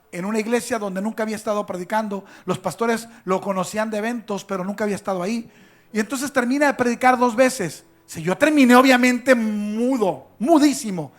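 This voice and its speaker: High-voiced pastor preaching emphatically. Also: male voice. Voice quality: strong voice. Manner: emphatic preaching that swings from quiet asides to shouted calls. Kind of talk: sermon.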